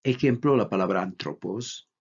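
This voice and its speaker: A man from Bolivia giving a recorded lecture, reading out examples slowly and deliberately. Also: lowish voice, a little mellow, husky. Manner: slow, deliberate, reads out examples. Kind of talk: recorded lecture on Greek accents. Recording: dull lo-fi recording.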